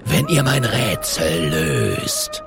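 A man voicing an ancient, menacing female snake goddess who speaks slowly in a low, hissing whisper. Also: huge pitch swings, gravelly, music in the background, full character voice.

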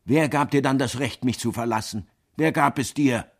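A man's voice: medium pitch, brisk, close to an everyday voice. A man voicing a passionate, anguished lover. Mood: bitter. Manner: impassioned, swinging between hushed and loud.

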